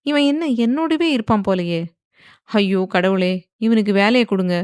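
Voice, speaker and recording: A woman's voice: medium pitch, normal speed, darkish tone, clear, resonant tone, no room sound, clean studio sound, natural voice. A woman voicing an irritated, scheming young wife who grumbles in an exasperated way in a storybook.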